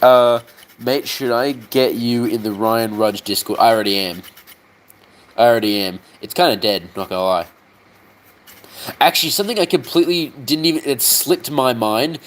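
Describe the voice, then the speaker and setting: A man's voice: medium pitch, normal speed, rough recording. A young man with an Australian accent, chatting casually while he works, swearing often and filling gaps with ums as he tries to remember things. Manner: swears freely, lots of ums and trailing off. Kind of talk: casual rambling chat while working on a model.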